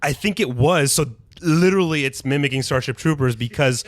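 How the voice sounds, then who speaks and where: A man with young kids co-hosts a podcast, his voice on the high side and fairly quick. In casual chat he tells animated stories and acts out quotes.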